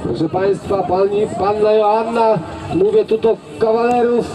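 A man calling an outdoor driving event over a public address microphone, his voice sitting fairly high and his delivery unhurried. He chats to the crowd directly between runs. Loud music plays behind him. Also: fairly even intonation, low-quality recording. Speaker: event announcer. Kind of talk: live sports commentary over a public address. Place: outdoor carriage-driving competition field.

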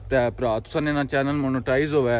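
A young man in his twenties vlogs outdoors in a village, among fields and a courtyard, chatting casually to a phone camera held at arm's length and greeting viewers as friends. His medium-pitched voice is clear and resonant, quick-paced, with fairly even intonation.

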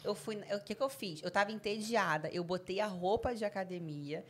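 A woman's voice: medium pitch, brisk, slight background noise. A woman hosting a podcast, asking questions in a casual, teasing conversational way. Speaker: podcast host.

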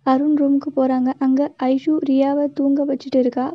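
A woman's voice: high voice, little pitch movement, moderate pace, dry recording. A woman narrating a serial story in Tamil-language storytelling style, reading out every character herself. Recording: dull, lo-fi sound.

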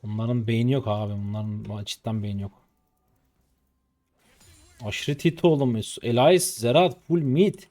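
A man's voice: on the low side, unhurried, long pauses, darkish tone. A man in his twenties from Turkey, streaming his gameplay live and commenting in frustrated mutters and sudden outbursts. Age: 20s. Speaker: game streamer.

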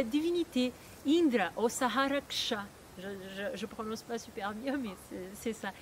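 Woman, high voice, non-native accent, patient lesson explainer who hesitates and restarts often. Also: slight background noise. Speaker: Ayurveda teacher.

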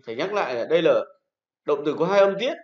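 A man's voice: fairly high pitch, lively intonation, fast, darkish tone. Patient male teacher in an echoey classroom. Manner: patient, repeats rules and praises pupils. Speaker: English teacher. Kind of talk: classroom lesson. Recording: echoey room, dull lo-fi sound.

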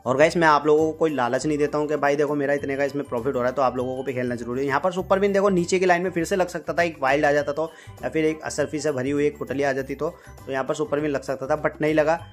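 A man's voice: fairly high pitch, fairly even intonation, fast talker, soft background music. A man giving casual, chatty commentary over his own slot game session, speaking frankly to his viewers about wins and losses. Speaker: gaming YouTuber.

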